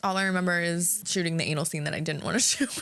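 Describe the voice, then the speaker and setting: A woman's voice: on the low side, steady tone, fast talker, a bit bright, slight background noise. A woman hosting a casual podcast chat, talking frankly and easily with a guest, laughing often. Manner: frank, laid-back, chatty with frequent laughs. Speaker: podcast host.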